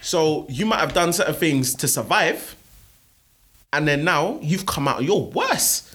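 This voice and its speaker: A man's voice: a little high, very animated, a little slow, fairly bright tone. A man with a London accent chatting casually in urban slang, often checking that his listener follows. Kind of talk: casual chat.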